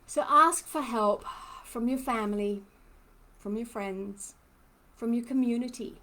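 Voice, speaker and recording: A woman with a fairly high, bright and forceful voice speaks unhurriedly over slight background noise. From Trinidad and with a mixed accent that's difficult to place, she's a lymphoedema therapist giving a personal, chatty live-stream talk full of laughter and answers to viewer comments.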